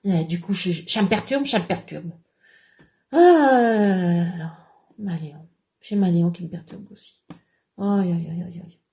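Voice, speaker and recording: A woman's voice: on the low side, moderate pace, a little mellow, lightly acted. A woman playing a chatty, gossiping village woman in a rambling comic monologue that keeps dropping into confiding whispers. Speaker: comic segment character.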